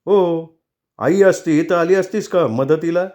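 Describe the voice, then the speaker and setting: A curt, stubborn young husband snaps in a raised, sharp voice, as a male storyteller puts him on. The voice sits well above the reader's own. Heard in a novel being read aloud. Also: high voice, brisk, pitched above the performer's own voice, natural voice. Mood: angry.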